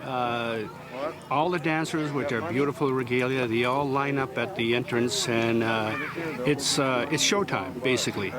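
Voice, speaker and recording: A man who works as a powwow emcee, explaining things haltingly in a casual interview, often repeating words. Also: mid-range voice, a crowd in the background. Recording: clear outdoor background noise.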